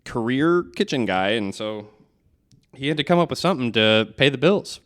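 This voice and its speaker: Male podcast co-host, smooth resonant voice, rambling, upbeat, casual. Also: mid-range voice, lively intonation, moderate pace, fairly bright tone. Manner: rambling, enthusiastic, jokey. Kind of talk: casual chat.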